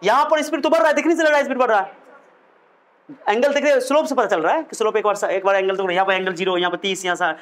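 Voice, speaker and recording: Brief: male physics lecturer, higher-pitched voice, repeats and quizzes. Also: rapid-fire, a bit bright. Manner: quizzing questions, repeating phrases. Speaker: physics teacher. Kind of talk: classroom lecture.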